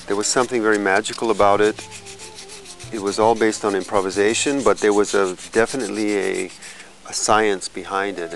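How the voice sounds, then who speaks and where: A man in his fifties from California, a musician telling his life story in a slow, reflective documentary interview, pausing and restarting as he thinks. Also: lowish voice, gravelly, rough recording. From California, USA. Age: 50s. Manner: slow, thoughtful, with pauses and small restarts.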